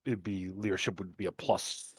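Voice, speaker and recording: A man taking part in a tabletop session, pausing to work through modifiers and rules as he talks. His voice sits low and even-tempered. The tone is casual chat. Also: slightly rough, no echo, clean studio sound. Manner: works through game numbers aloud. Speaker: player.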